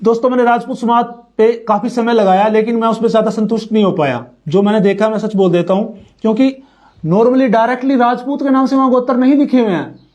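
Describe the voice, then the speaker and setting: Slow-reading Haryanvi man, high-pitched. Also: fairly even intonation, darkish tone. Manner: slow deliberate list reading, then brisk asides addressing friends. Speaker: community speaker. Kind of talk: informal talk reading lists of clan names.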